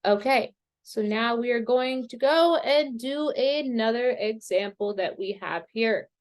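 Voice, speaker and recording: A woman teaching a math lesson, talking slowly and patiently through each step, with a somewhat high voice. She pokes fun at her own drawing skills now and then. She has the hiccups. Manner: slow, patient step-by-step explaining with self-deprecating asides. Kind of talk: recorded screen-share math lesson.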